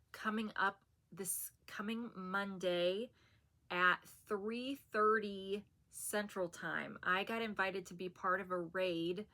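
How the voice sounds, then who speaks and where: A haul vlogger chats casually to camera in a mid-range voice that is soft and soothing, reportedly enough to put people to sleep, yet keeps a bright, sharp edge. She rambles a bit, with easy fillers and little laughs, relaxed like a long-time vlogger.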